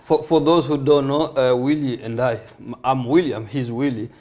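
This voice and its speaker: A man's voice: medium pitch, fairly even intonation, moderate pace, a little mellow. A man from eastern Congo hosting an interview, asking questions in loose, informal phrasing. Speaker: interview host. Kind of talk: casual interview talk.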